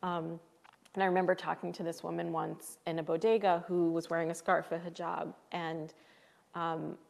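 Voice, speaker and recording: A woman's voice: lowish voice, flat delivery, normal speed, gravelly, a little mellow, big-room sound. A woman author in a live interview, telling a personal story in a thoughtful, candid and emotional way. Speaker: author guest. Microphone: live stream setup.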